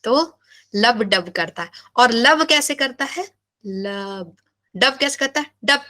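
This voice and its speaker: Woman biology teacher. Slow and bright, quizzes her students often. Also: high voice, animated. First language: Hindi. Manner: questioning, repeats key terms. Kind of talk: live online class lecture.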